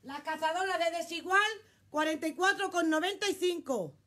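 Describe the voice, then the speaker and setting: A woman's voice: extremely high pitch, normal speed, fairly bright tone. A middle-aged woman with a Spanish accent, selling clothes on a casual live stream from her shop. She chats in an exclamatory way, reads out viewer comments and swears casually. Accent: Spanish from Spain.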